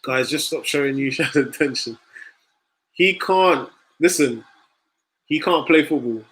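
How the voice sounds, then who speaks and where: Speaking a little slowly in a fairly high, slightly bright voice, this man runs a football watch-along stream. He chats casually, teases the audience, laughs frequently, and reacts to each play in real time.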